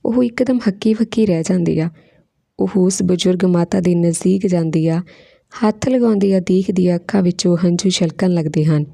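Woman storyteller, low dark gravelly voice, dry close sound, emotional slow reading. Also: dry recording. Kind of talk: storytelling narration.

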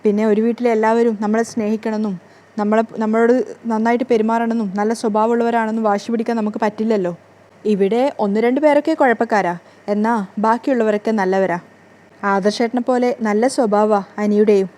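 A woman voicing a patient, gentle young wife, in a plain reading voice. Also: a little high, fairly even intonation, brisk, close to an everyday voice. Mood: calm.

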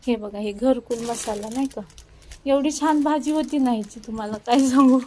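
A woman's voice: fairly high pitch, moderate pace, darkish tone, slight background noise. A woman vlogging casually on a phone outdoors at a village home, chatty and constantly pointing things out to her viewers. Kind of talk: casual vlog narration. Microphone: phone camera.

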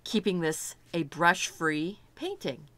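A middle-aged woman leads a painting lesson at an unhurried pace. Her pitch sits on the low side but swings widely, and she chats and thinks aloud as she works. She cheerfully admires her own progress along the way. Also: animated, fairly bright tone, no echo. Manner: chatty, self-delighted, thinking aloud while working. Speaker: art instructor.

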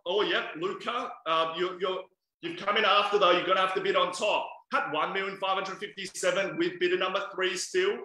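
A man's voice: high-pitched, steady tone, a little fast, sharp tone. A man, calling a live property auction and coaxing buyers with repeated bid amounts. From Australia. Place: indoors by a large glass window. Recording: echoey room sound.

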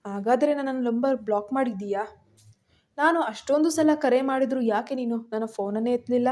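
A woman's voice: fairly high pitch, fairly quick, darkish tone, natural voice. A woman voicing an angry, possessive young husband in a storybook reading, curt and scolding. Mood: demanding.

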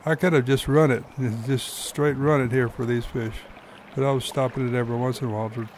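A man with an ordinary, middle-pitched voice talks through his fishing footage in a relaxed, folksy way. He explains as he goes, plainly and unhurried. A soft wash of background noise sits under him. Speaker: fly-fishing guide and host. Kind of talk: narrating his own fishing video.

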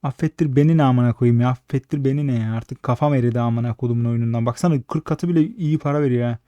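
A man giving casual, frustrated slot commentary, swearing constantly and talking at the machine, slightly hoarse late at night. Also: on the high side, warm tone, no echo, clean studio sound. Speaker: slot streamer.

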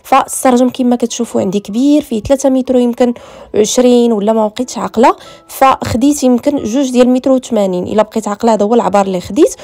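Rapid-fire Moroccan woman touring her home. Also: fairly high pitch, darkish tone. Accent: Moroccan Arabic. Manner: chatty, addresses viewers as "girls"; mixes in French words. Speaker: home decor vlogger. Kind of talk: voice-over room tour.

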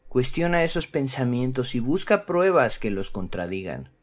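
A man presenting scripted narration for children, instructive and speaking to them directly. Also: a little high. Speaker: presenter of a children's psychology channel.

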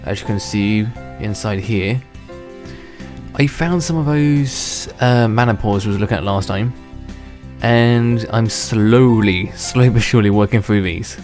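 Slightly slow and darkish in tone, this young man's lowish voice carries rambling, casual gameplay commentary for his gaming channel. He keeps restarting and chuckling to himself, sounds a bit worn from illness, and faint background music sits beneath him.

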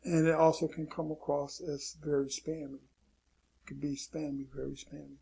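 Gravelly, husky man teaching casually. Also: fairly high pitch, little pitch movement, moderate pace, warm tone. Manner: repeats "okay" and restarts often, emphatic warnings. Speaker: online marketing instructor. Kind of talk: casual screen-share tutorial.

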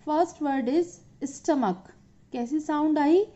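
Slow, high-voiced Indian woman teacher. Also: dark tone, dull audio. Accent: Indian English. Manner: slow, deliberate reading aloud for kids; switches between English and Hindi. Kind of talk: children's English lesson.

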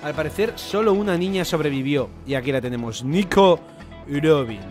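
A young man with a Spain Spanish accent reading a manga chapter aloud and reacting to it, excitable, swearing freely and bursting into shouts. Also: on the high side, moderate pace, soft background music. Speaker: anime reaction host. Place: home, floor above construction work.

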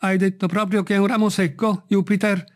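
A man voicing an excitable, feverish gentleman who gives urgent orders, in an audiobook reading. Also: fairly high pitch, normal speed. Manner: agitated, urgent.

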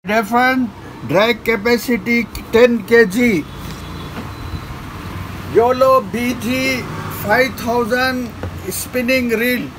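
An older man selling fishing reels from his shop counter, repeating model names in a persuasive sales pitch. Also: steady tone, slow, pauses often, background noise. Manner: repetitive, persuasive salesman patter, urging viewers to buy. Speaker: fishing tackle shop seller. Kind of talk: product showcase sales pitch. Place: small shop packed with shelves, indoors.

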